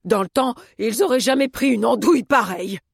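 A woman voicing an elderly, sharp-tongued house cook who talks in a blunt, scolding way in an audiobook. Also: on the high side, brisk, vocal fry, breathy edge, no echo, studio quality, pitched above the performer's own voice. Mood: grumbling. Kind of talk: audiobook character voice.

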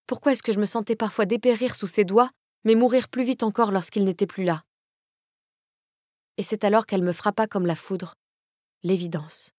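A woman reading a romance novel aloud in the first person, with measured, intimate storytelling on a close studio mic. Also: medium pitch, a little mellow, no room sound. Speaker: audiobook narrator.

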